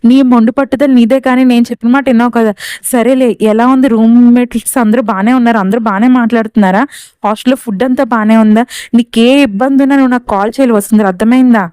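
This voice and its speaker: A protective older brother reassures and fusses over his sister, voiced by a woman storyteller. The delivery is fast and clear, a touch high. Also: fairly even intonation, warm tone, dry recording, studio quality, close to an everyday voice. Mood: caring. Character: caring protective older brother figure, man.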